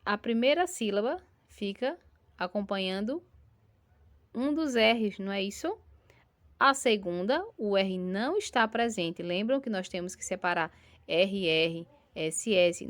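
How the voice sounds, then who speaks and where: Patient woman teacher stretching out syllables. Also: medium pitch. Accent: Brazilian Portuguese. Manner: patient, drawn-out syllables, frequent tag questions. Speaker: primary school teacher. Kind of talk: recorded remote lesson.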